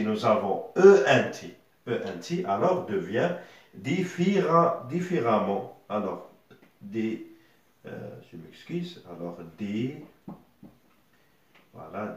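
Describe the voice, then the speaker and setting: Guy teaching grammar, slow and singsongy, spells stuff out, super echoey room. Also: fairly low pitch. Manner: slow, patient, spelling letters aloud, repeats words. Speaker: primary school French teacher.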